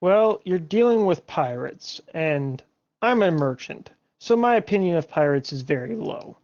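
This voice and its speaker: A man's voice: a little high, lively intonation, measured pace, darkish tone. A man playing a tabletop game in character, talking in a blunt, argumentative way. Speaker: player. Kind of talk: in-character tabletop role-play. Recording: dull lo-fi audio.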